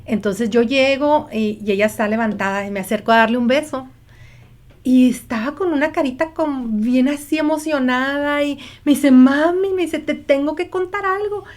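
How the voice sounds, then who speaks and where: A mother, appearing as a guest, earnestly shares her testimony in conversation and acts out the lines she quotes. Her voice is high and her pace moderate.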